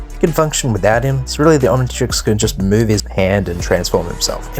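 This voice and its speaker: A fairly low-pitched, slightly mellow male voice narrates a video, offering casual but scripted opinions full of informal slang and cursing. Music plays in the background throughout.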